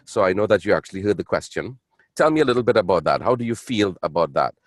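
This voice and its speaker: Upbeat, chatty male presenter on an online call; deep voice, dry close sound. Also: animated, fast, no room sound. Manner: chatty, upbeat, engaging the audience.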